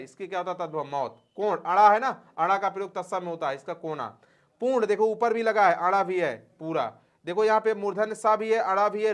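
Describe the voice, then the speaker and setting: Calling his students dear friends, a man teaches grammar for exams in a folksy style, asking and then answering his own questions. His voice sits high and sounds a bit bright.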